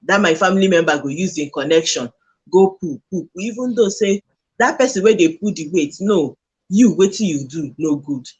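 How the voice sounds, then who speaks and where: A man with a husky, slightly high-pitched voice and a Nigerian accent talks in casual Pidgin. He explains things like a storyteller, acting out his examples as he goes. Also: expressive, normal speed, darkish tone.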